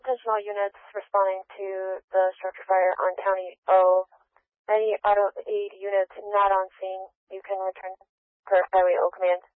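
A woman fire dispatcher relaying orders over a two-way radio in a clipped, even manner. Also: medium pitch, moderate pace, no room sound. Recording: tinny dry radio channel.

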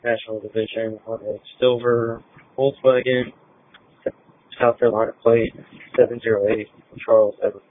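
A man's voice: mid-range voice, normal speed, dry recording. A man on patrol calling in clipped codes and plate details over a police radio transmission. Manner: clipped, flat call codes. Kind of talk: terse radio call-ins. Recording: tinny distant police radio.

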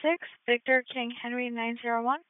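A woman's voice: a little high, fairly even intonation, brisk, smooth, no echo. Woman dispatcher over a tinny two-way radio. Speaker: police dispatcher. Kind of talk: clipped radio dispatch codes.

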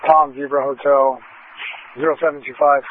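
A man's voice: mid-range voice, flat delivery. A man speaking over a police radio, calling in plate checks in clipped radio codes and phonetic letters. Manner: clipped, measured reading of letters and numbers. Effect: police radio transmission. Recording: tinny narrow-band radio.

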